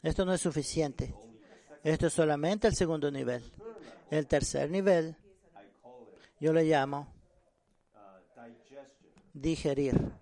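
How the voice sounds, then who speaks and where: A man preaching a sermon on prayer, earnest and halting, often repeating and restarting words. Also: fairly high pitch, creaky, dark tone.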